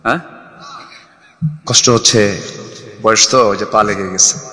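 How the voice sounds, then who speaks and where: A man preaching to a crowd, animated, pushing listeners to answer louder and shouting at the peaks, over a public address microphone. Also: lowish voice, measured pace. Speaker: Islamic preacher. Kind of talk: fiery sermon to a crowd. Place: open religious gathering. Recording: echoey with long reverb.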